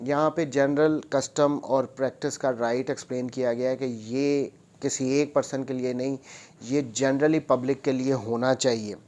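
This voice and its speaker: A man with a Pakistani accent lectures on law, reading statutes aloud and explaining them while switching between English and Urdu and repeating phrases. His mid-range voice has a steady, darkish tone at normal speed.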